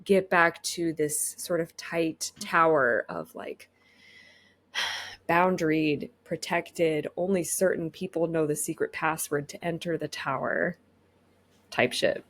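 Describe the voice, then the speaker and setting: A woman's voice: low-pitched, takes it slowly, a little hiss or hum. A woman co-hosting a podcast in casual chat, rambling with lots of fillers. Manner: rambling, lots of "like" and "you know".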